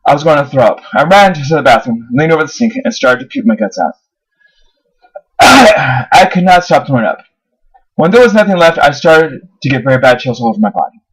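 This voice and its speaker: A man's voice: on the high side, slightly rough, low-quality recording. A man reading his own first-person horror story aloud, his voice rising on the dramatic moments. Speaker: narrator.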